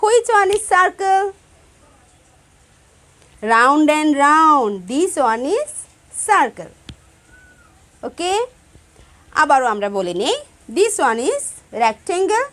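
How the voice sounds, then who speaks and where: A woman with a Bangladeshi accent teaching young children English shapes, repeating words slowly and switching between Bengali and English. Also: extremely high pitch, very animated, a bit bright. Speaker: primary school English teacher. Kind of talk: classroom lesson to young children.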